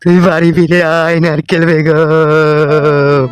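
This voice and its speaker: A sobbing, grief-stricken cartoon uncle played by a man stretches every word into a sing-song lament. The voice sits high and comes out smooth and clear, with faint music underneath. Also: flat delivery, fast talker, dry recording, lightly acted. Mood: wailing. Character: grieving middle-aged uncle wailing for lost wife. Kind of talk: cartoon comedy voice acting.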